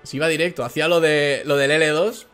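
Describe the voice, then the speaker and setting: A young man from Spain, slightly hoarse from a cold, giving casual, excitable gameplay commentary. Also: a little high, fairly quick. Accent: Spain Spanish. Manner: excitable, swings into shouting and laughing. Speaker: gaming YouTuber. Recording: music playing underneath.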